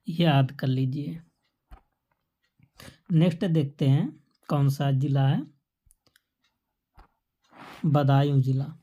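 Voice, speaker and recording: A woman teaches in a slow, deliberate lecture, with a low voice and a very dark, mellow tone. She poses a question, then answers it herself, repeating the key fact. The recording sounds dull and lo-fi. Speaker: exam-prep teacher. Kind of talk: quiz-style lecture.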